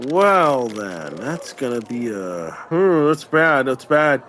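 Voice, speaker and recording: A man's voice: mid-range voice, very animated, slow pace, a bit bright. A man playing a tabletop game, jokey and stammering as he talks in character over faint music. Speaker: player.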